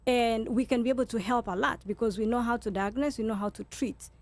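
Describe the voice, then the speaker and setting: A woman's voice: on the high side, brisk, darkish tone. A woman with a Kenyan accent speaking as a guest in a talk show discussion, making her points emphatically and repeating phrases. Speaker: guest speaker, nurse leader.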